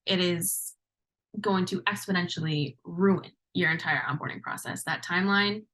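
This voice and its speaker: A woman's voice: on the low side, moderate pace, bright, forceful tone, poor audio. A woman guest in casual podcast conversation, chatty with lots of restarts. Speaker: guest, implementation lead.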